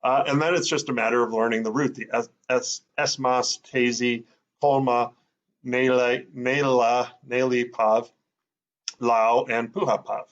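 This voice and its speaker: Guy explaining a lesson casually, lots of uhs, mid pitch, kinda muffled audio. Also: flat delivery, unhurried. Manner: thinking aloud, many fillers, sounding out words. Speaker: teacher.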